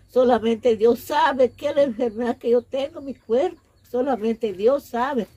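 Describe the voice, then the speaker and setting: Husky older woman in pain. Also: fairly high pitch, unhurried, warm tone, highs cut off. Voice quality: plaintive, weary. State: in pain, weak. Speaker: interviewee. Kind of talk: tearful personal account.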